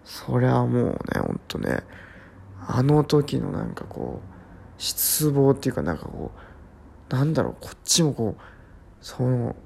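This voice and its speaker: A drowsy man hosts a casual solo talk show, winding through a long story that keeps circling back on itself. His voice has a gravelly, creaky edge. His pitch rises and falls in lively swings as he dwells on each detail. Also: unhurried, a little hiss or hum. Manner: rambling and repetitive, heavy on sound words. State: sleepy. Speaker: podcast host.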